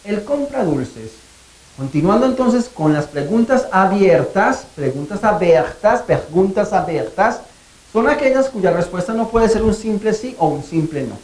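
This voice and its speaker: A woman teaching a language lesson, speaking clearly and deliberately and drawing out phrases to show question intonation. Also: medium pitch, animated, a little mellow, echoey room, rough recording.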